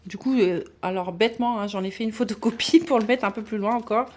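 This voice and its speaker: A woman vlogging casually about her budget binders, chatty and halting with many fillers and restarts. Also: on the high side, fairly even intonation, darkish tone. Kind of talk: casual chat showing binders.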